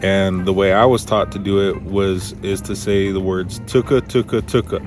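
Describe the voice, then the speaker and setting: Man, low voice, casual instructor, halting think-aloud delivery, music in the background. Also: completely flat delivery. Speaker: duck calling instructor. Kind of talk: casual how-to demonstration.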